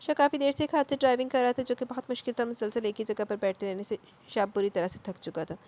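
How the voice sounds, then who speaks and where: A woman narrating a romance novel as an audiobook in a brisk, dramatic reading. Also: a little high, steady tone, darkish tone.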